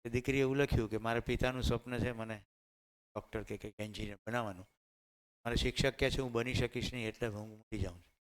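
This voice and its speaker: A man with a Gujarati accent lectures a room of teachers in a smooth, clear voice. He poses questions to the audience and answers them himself, and he drops English terms into his talk. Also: medium pitch, fairly even intonation, quick pace. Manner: mixes in Hindi and English terms. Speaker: teacher trainer.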